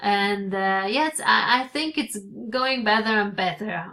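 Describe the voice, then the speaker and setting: A bright, forceful, animated woman's voice at medium pitch, speaking a little slowly. She is in her forties, Italian-born and raised in Switzerland, and vlogs casually in Italian-accented English to a desk webcam in her book-lined home office. Her delivery is hesitant, full of fillers and restarts.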